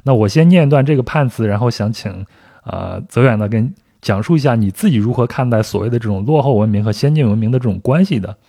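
A man hosts a podcast interview in a mellow voice with a faint husky edge. He talks in a measured, deliberate way as he sets up his questions. He reads a longer passage aloud at the same steady pace. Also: mid-range voice. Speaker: podcast host. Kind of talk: podcast interview, steering the talk and reading a quotation aloud.

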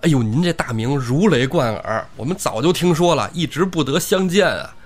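一位男性播客主持人在说书中扮演一个矮个子男性山大王，满口奉承、热情夸张。. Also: male voice, a little high, moderate pace, voice pushed up. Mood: fawning. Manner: fawning, effusive flattery. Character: short, fawning male bandit leader.

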